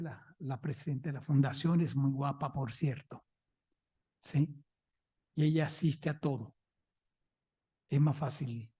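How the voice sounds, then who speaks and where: A man with a husky, dark, mid-range voice and a Mexican Spanish accent gives a conference talk as a museum director. He keeps it chatty and full of anecdotes, often checking in with his listeners.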